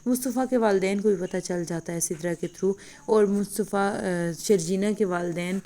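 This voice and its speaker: A woman's voice: mid-range voice, creaky, mellow. A woman retelling a TV drama episode in a loose, unscripted voice-over, with frequent hesitations as she goes. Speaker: drama reviewer.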